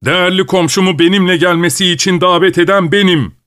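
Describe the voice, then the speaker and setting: A man voicing a desperate, furious old father who shouts and wails breathlessly in an audiobook. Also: mid-range voice, steady tone, moderate pace, husky, no echo, studio quality, lightly acted. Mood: frantic. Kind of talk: audiobook character voice.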